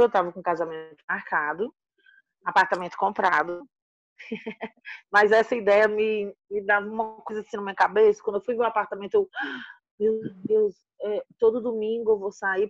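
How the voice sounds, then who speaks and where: A woman in her fifties with a Ceará accent, telling her life story in a casual interview, animated and acting out the voices of the people she quotes. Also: mid-range voice, dry recording, lo-fi sound. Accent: Northeastern Brazilian, from Ceará. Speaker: interviewee, mother and activist.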